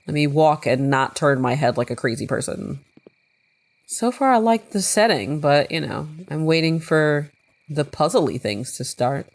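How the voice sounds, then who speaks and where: A woman's voice: deep voice, lively intonation, unhurried, gravelly. Chatty, slightly congested woman gaming. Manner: chatty, self-mocking, often laughing. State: slightly congested from a recent cold. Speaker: gameplay video host. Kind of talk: casual let's-play commentary, reading game text aloud.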